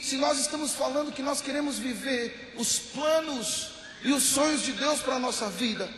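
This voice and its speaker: A man's voice: very high-pitched, pushed and bright. A Brazilian man preaching a church sermon in emphatic, repetitive short phrases, with sound like an echoing bathroom. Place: church hall, amplified to a congregation. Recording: echoing bathroom-like sound, long hall reverb.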